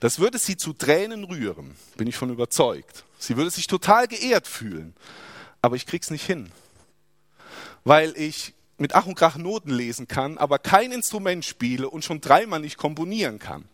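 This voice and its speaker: A man's voice: on the high side, very animated, moderate pace, fairly bright tone, no echo, studio quality. A man preaching a sermon, asking rhetorical questions and dropping his voice for emphasis.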